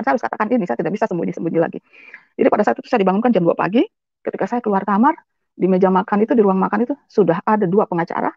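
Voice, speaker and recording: A woman's voice: mid-range voice, gravelly, a little mellow, no room sound, dull audio. A woman giving an emotional personal testimony, often turning to address her audience directly. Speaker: testimony speaker.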